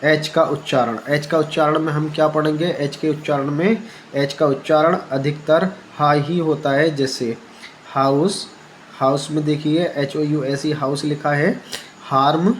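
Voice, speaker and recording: A man's voice: fairly high pitch, steady tone, slow, a little hiss or hum, low-quality recording. A man teaching beginners how to read English letters, patiently repeating each point and asking the class questions. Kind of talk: Hindi phonics lesson for beginners.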